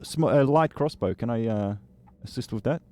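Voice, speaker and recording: A man's voice: medium pitch, moderate pace, a crowd in the background. A man playing in a tabletop game, joking around and fumbling through the rules. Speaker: player. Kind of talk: casual chat during a tabletop game.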